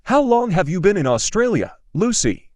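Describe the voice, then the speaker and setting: A man reading a polite learner's part in a scripted practice dialogue for English learners, speaking slowly and carefully enunciating each line. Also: high-pitched, sing-song, darkish tone, no room sound, clean studio sound. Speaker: dialogue reader.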